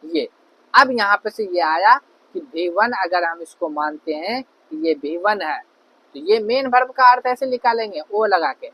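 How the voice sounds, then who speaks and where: A man's voice: sits high, lively intonation, a little slow, husky, dull audio. A man teaching an online grammar lesson, often checking in with "है ना" and asking questions. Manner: repeats "है ना" and asks questions to check understanding.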